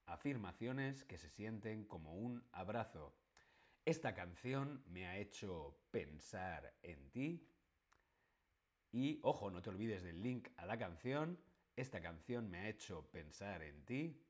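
A man, teaching a live online language lesson and slowly repeating phrases for learners. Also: lowish voice, very animated, a little mellow. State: sore throat, coughing.

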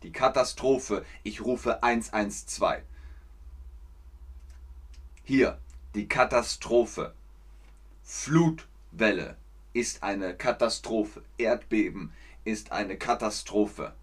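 A man teaching a language lesson to learners, slowly repeating words and acting out examples. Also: on the low side. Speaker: German teacher.

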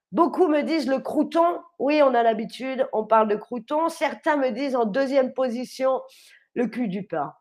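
A woman streamer chatting with her viewers and quizzing them, laughing often and stretching out key words. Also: sits high. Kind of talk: live-stream quiz chat with viewers.

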